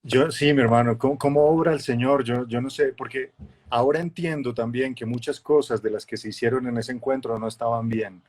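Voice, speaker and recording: A man in his forties, a guest telling his conversion story in a casual chat, lively, acting out the voices of others. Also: mid-range voice, a little fast. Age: 40s. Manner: lively storyteller, acts out voices and shifts loudness a lot. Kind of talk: animated testimony in a casual chat.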